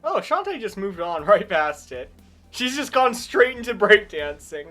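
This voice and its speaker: Animated woman streamer with swooping pitch. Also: measured pace, soft background music. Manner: excitable, swings from muttering to shrieking. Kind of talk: casual live game commentary.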